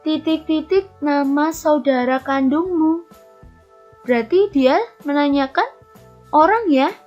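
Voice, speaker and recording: A woman primary school teacher giving an online lesson to young children, encouraging them and asking them to pay attention. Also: high voice. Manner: encouraging, addresses children directly, tag "ya". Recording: lo-fi recording with faint music.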